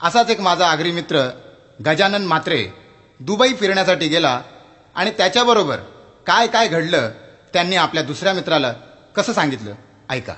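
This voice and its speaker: A male comedian narrating his jokes briskly in a high, bright, forward voice. The sound rings with a hall reverb. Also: lively intonation. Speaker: stand-up comedian and mimic. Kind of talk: stand-up comedy storytelling.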